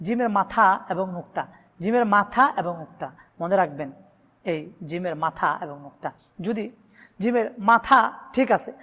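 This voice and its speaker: A man's voice: high voice, a bit bright. A man from Bangladesh teaching Quran reading, addressing viewers and stretching out each Arabic letter sound with emphatic repetition. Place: room with a blackboard. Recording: long hall reverb.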